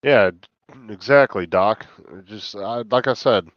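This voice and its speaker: A middle-aged man with a fairly low voice talks casually and bluntly, swearing freely as he rants. The sound is muffled and carries clear room echo. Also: takes it slowly. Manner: blunt, heavily profane ranting. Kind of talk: casual chat.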